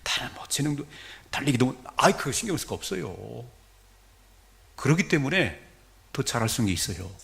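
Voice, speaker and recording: A man's voice: medium pitch, a little fast, gravelly. A male pastor preaching a sermon to his congregation, acting out scenes and quoting as he goes. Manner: animated, acts out scenes and quotes.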